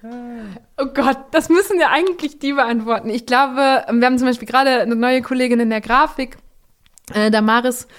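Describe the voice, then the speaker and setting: A young woman in her twenties with a fairly high voice chats as a podcast guest. She talks in long, winding sentences, loops back on herself and fills the gaps with little hesitations. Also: moderate pace. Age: 20s. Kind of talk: casual conversation.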